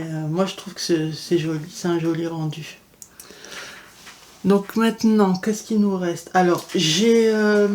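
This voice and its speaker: A woman's voice: fairly low pitch, darkish tone, slight background noise. A woman vlogger showing her cross-stitch kits in a casual, chatty way, with frequent fillers and restarts. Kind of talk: casual show-and-tell chat.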